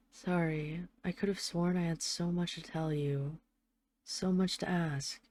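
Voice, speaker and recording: A woman voice actor with a fairly low, steady voice speaks slowly with no echo, playing an affectionate, wry mafia boss who misses her partner. The intimate roleplay monologue feels like a voicemail, conversational and gently self-deprecating, with a tender, sheepish mood.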